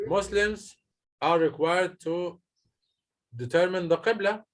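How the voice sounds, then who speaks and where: A man teaching a class, talking slowly and patiently, stopping often to hunt for words as he walks students through each answer. His voice sits a little higher than most men's. He speaks in a classroom with students around. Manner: patient, explains step by step with frequent hesitations. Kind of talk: classroom lesson, questions and answers.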